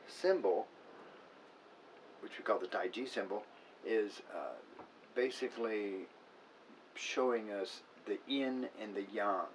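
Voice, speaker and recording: A man with a very deep voice explains a topic in an unscripted, casual way, pausing on fillers and restarting now and then. He sits a little back from the microphone, and faint room noise hums behind him. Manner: unscripted, self-correcting, with filler words. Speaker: acupuncturist. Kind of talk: casual educational talk. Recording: voice a bit far from the mic, faint room noise.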